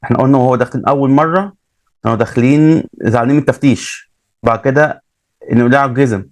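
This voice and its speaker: A man's voice: mid-range voice, quick pace, no echo. A man with an Egyptian Arabic accent telling a religious story in a casual way, repeating himself and restarting often. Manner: retells events with many repeats and restarts.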